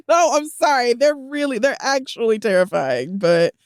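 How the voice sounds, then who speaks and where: A woman's voice: fairly high pitch, sing-song, unhurried, no room sound, studio quality. A woman co-hosting a podcast in casual chat, laughing often, blunt and swearing freely. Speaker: podcast co-host.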